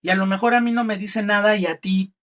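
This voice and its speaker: A middle-aged Mexican film critic, speaking with a Mexican Spanish accent, guests on a podcast interview and tells stories expressively, acting out quotes in other voices. He has a high voice and talks fast.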